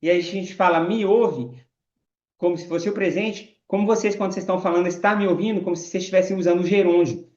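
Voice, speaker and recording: French male teacher, slow repeated drills, a bit high, roomy dull recording. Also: fairly even intonation, darkish tone. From France. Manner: slow, drawn-out model phrases, repeated drills. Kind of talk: pronunciation lesson.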